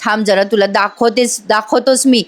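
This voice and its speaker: A woman's voice: mid-range voice, steady tone, moderate pace, close to an everyday voice. A woman voicing a hot-tempered young businessman who scolds irritably. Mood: angry.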